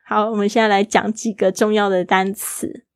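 A woman who is an English teacher and podcast host runs a bilingual English lesson, patiently explaining vocabulary and repeating and spelling out words, her throat a little sore. Her medium-pitched voice has little pitch movement and a normal speed, recorded in clean studio sound with no room sound.

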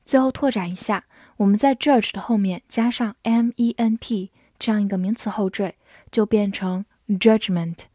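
A woman teaching English vocabulary, spelling each word out and reading example sentences slowly. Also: mid-range voice, dark tone, dry recording, studio quality. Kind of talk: vocabulary lesson.

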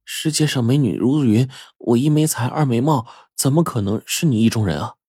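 A man's voice: mid-range voice, fairly quick, mellow, breathy edge, no echo, studio quality, voice pushed up, natural voice. A man voicing a shy young unmarried woman who talks in a flustered, pleading way. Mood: demurring.

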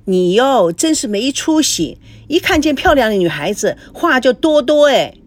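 A woman plays a jealous, hot-tempered mother in a storybook, sharp and scolding. The voice sits high and swings widely, recorded dry and close. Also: sing-song, moderate pace, no room sound.

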